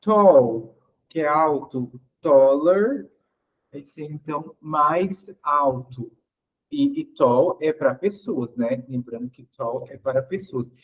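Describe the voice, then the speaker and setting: A man's voice: a little high, expressive, slow pace, slightly rough, muffled recording. A man teaching English grammar in an online class. He explains patiently, asks the class questions and repeats each example.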